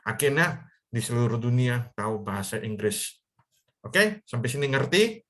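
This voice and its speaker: Leading a live English class over a video call, a young Indonesian tutor from Medan, North Sumatra breaks things down into simple steps and checks on his students. His medium-pitched voice is expressive and fairly bright, and he speaks at a moderate pace.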